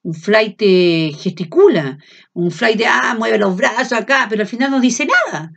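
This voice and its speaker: A woman with a Chilean accent teaching a language class, often checking in with her students and filling pauses as she explains. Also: fairly high pitch, lively intonation, vocal fry. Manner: frequent checks of "¿ya?" and fillers; speaks loud without shouting. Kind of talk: classroom lecture.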